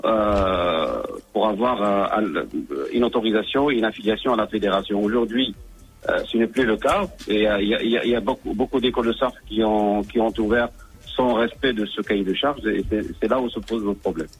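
A man calling in to a radio show over the phone, speaking haltingly and often restarting his words. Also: fairly low pitch, slightly rough. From Morocco. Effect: caller on a phone line into a radio show.

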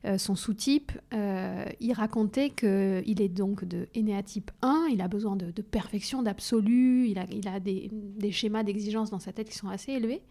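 A woman's voice: mid-range voice, normal speed, few pauses, dark tone. A woman hosting a podcast interview, recapping earlier points and prompting her guest with questions. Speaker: podcast host.

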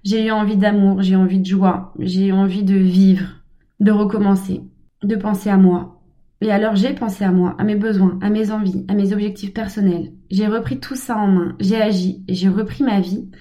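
A woman speaking in a calm, measured way about personal growth. Her voice is mellow and warm, and her pitch sits in the middle. She builds her points from short, repeated phrases. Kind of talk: reflective self-help talk.

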